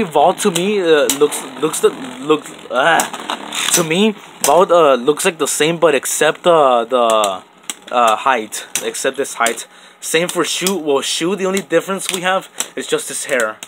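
A young man, maybe a teenager, talks off camera with a fairly high voice while running toy top battles, background noise audible. Hosting his toy battle channel, he rambles, restarting often and saying "like" and "literally" constantly.

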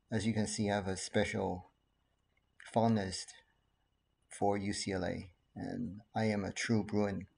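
A man in his forties, from Taiwan, speaks to his laptop webcam from a living room at home. His voice sits a little low, and he talks in a calm, earnest, measured way, with frequent fillers. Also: gravelly, husky. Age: 40s. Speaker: pediatrician. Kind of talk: casual talk to camera.

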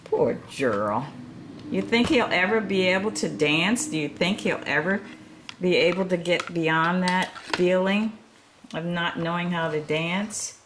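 Woman, storytime read-aloud, slow and gentle, low voice, questions to the listener. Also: slight background noise. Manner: sympathetic, comments between pages. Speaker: storytime reader. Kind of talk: children's picture book read-aloud.

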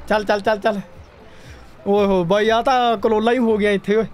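A young man casually commentating a game with a friend, excitable, repeating short exclamations. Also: high-pitched, moderate pace, faint music behind. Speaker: gaming streamer. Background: tractor game sounds.

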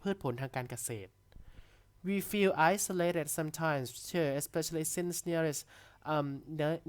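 Chatty man teaching an English lesson. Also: fairly high pitch. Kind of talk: classroom vocabulary lesson.

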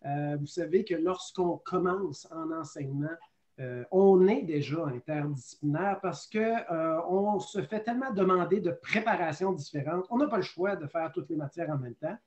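A man in his thirties with a Quebec French accent, a teacher telling his path in a webinar, lively and self-mocking. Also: a little high, moderate pace. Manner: lively, self-deprecating, many fillers. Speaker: teacher guest. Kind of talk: webinar testimony. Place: home office. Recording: dull lo-fi sound.

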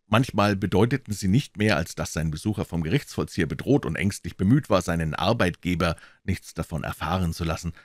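A man reading a crime story aloud as narrator, in a low, calm and measured way. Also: no echo, clean studio sound. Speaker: audiobook reader.

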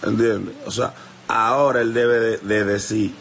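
A Dominican musician with a gravelly, low voice rants at a rival during a heated phone livestream, confrontational and repetitive, repeatedly asking "you understand?" His pace is measured, his intonation fairly even, and his tone fairly bright. The recording carries a little hiss or hum.

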